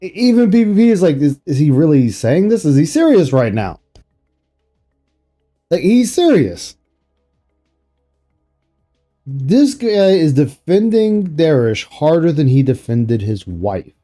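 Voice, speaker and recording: A man's voice: fairly high pitch, big pitch swings, measured pace, mellow, faint music behind. A man streaming, commenting sarcastically and incredulously on an interview clip he is playing. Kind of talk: reaction commentary.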